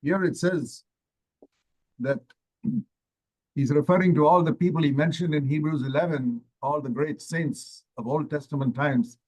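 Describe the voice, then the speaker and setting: Elderly male preacher, 80s, very unhurried sermon delivery, slightly high voice. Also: steady tone, darkish tone, low-quality recording. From India. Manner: slow, measured, pausing for translation. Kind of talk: sermon with interpreter.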